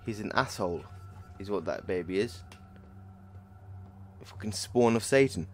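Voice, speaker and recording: A man's voice: fairly low pitch, lively intonation, moderate pace, slight background noise. A man streaming a horror game, reacting jumpily and swearing constantly as he plays. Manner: swears a lot, jumpy reactive outbursts. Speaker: gaming streamer. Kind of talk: horror game let's play commentary.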